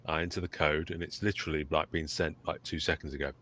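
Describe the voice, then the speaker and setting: An English man with a bass voice co-hosts a live podcast, talking fast with a flat delivery and a slightly bright tone. Getting over a cold leaves him a bit throaty as he chats and jokes through the casual live stream. The recording has no room sound.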